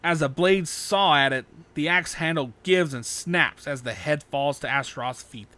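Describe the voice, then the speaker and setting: Reading an action story dramatically at a normal speed, a male narrator uses a somewhat high voice with a bright, forceful tone.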